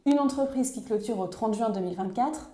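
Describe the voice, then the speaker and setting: A woman reading a scripted voice-over explainer in a clear, measured, instructive way. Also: on the high side, warm tone, reverberant. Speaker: narrator of a tax explainer video.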